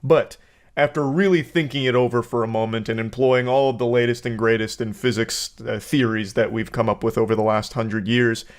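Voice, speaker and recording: A man giving casual comedic commentary as a video host, rambling in mock-serious analysis with swearing and hyperbole, close on the microphone. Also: medium pitch. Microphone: close desk microphone.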